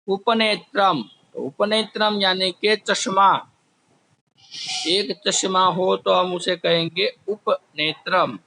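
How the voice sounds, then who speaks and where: A man teaching a class, slowly drilling word forms, asking questions and answering them himself. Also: high voice, pushed and bright. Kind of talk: slow classroom explanation. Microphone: recorded while writing on a board.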